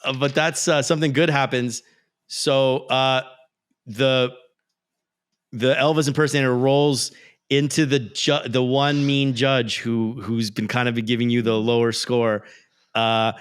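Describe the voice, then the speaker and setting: A man's voice: medium pitch, flat delivery, unhurried, clean tone. A man narrating as game master of a tabletop role-playing game, loose and laughing often.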